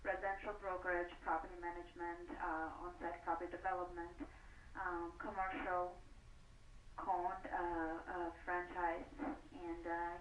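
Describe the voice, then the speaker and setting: Woman guest, stuffy from a cold, halting with fillers; roomy, far-off sound. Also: lowish voice, flat delivery, slight background noise. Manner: hesitant, many fillers. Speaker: guest broker. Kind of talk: phone-in interview. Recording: distant echoey phone call.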